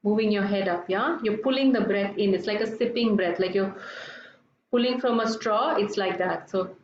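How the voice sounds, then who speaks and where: A woman instructing a yoga breathing class in a gentle, soothing, unhurried murmur, guiding people to relax. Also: medium pitch. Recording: echoey room, dull lo-fi, faint noise.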